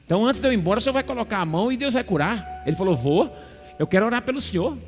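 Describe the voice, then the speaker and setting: High-voiced pastor preaching in a hall. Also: male voice, very fast. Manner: animated storytelling, acting out dialogue. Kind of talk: sermon with personal testimony. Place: large church sanctuary. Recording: music under a long church reverb.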